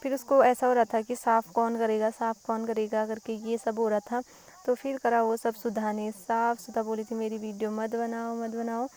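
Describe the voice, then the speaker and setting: A woman's voice: a little high, flat delivery, moderate pace, darkish tone. A young woman from Kumaon narrating her vlog in a chatty, giggly storytelling manner. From Kumaon, Uttarakhand. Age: young adult. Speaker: vlogger. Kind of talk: casual vlog voice-over narration.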